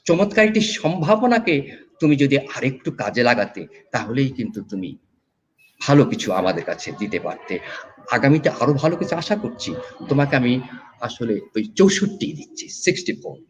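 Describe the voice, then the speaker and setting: A man's voice: mid-range voice, brisk. A man judging a recitation contest, giving spoken feedback and sounding out pronunciations. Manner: lively, demonstrates pronunciation aloud. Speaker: recitation competition judge.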